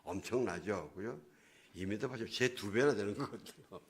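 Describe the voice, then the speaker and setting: A man's voice: fairly low pitch, normal speed. A male pastor giving a sermon, retelling a story vividly in casual, slangy speech. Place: church.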